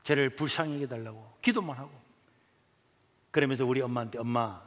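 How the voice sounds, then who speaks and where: A man's voice: mid-range voice, fast, in a large hall. A pastor with a Gyeongsang accent giving a testimony sermon, telling his story vividly and acting out its dialogue. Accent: Gyeongsang Korean.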